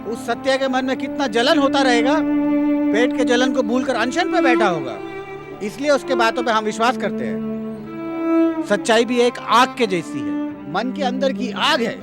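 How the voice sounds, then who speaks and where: A rough, furious loyalist. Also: male voice, extremely high pitch, big pitch swings, moderate pace, over loud music. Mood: angry scolding. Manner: rough, scolding, forceful. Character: rough working-class man, fiercely loyal to the hero. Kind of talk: dubbed film dialogue.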